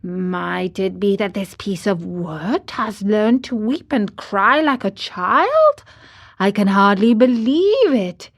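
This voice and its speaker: A woman's voice: mid-range voice, animated, slow. A woman voicing an old, easily scared carpenter who mumbles to himself in a storybook reading. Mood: frightened. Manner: mumbling, nervous bravado.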